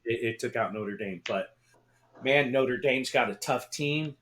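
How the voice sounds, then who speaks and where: A man talking sports on a radio show, his voice sitting at an ordinary middle pitch. He gets excited fast, swears freely and circles back over his own words. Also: a little hiss or hum. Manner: excitable, swears, laughs, repeats himself. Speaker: talk radio co-host. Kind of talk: casual sports talk.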